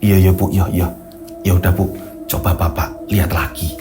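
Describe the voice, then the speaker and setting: A man voicing an older village healer who answers his wife hesitantly and in low tones. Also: little pitch movement, normal speed, music in the background, lightly acted.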